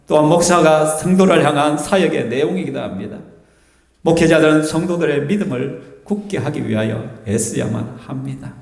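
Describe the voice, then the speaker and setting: A male pastor with a Gyeongsang accent preaches in a fairly high, very animated voice and keeps drawing the congregation in with questions. His voice rings through the church sanctuary with a long, roomy reverb. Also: vocal fry. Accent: Gyeongsang Korean. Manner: lively, conversational, asks the congregation questions. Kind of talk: sermon.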